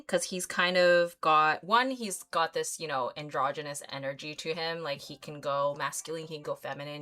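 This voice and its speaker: A woman in her mid-thirties talks casually to her livestream viewers while she paints. Her voice sits notably low for a woman, and she rambles along with plenty of ums, likes and small giggles. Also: a bit bright. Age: 30s. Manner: rambling, filler-heavy, giggly. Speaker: artist livestream host.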